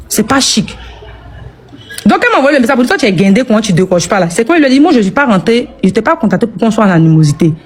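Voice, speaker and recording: A woman's voice: medium pitch, a little mellow. A woman, telling a story in an interview, acting out quoted dialogue with many restarts. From Ivory Coast. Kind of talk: casual storytelling.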